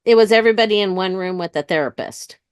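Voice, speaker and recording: A fast-talking American woman in her fifties with a mid-range voice, from the United States. She's a retired police dispatcher appearing as an interview guest, speaking candidly and casually.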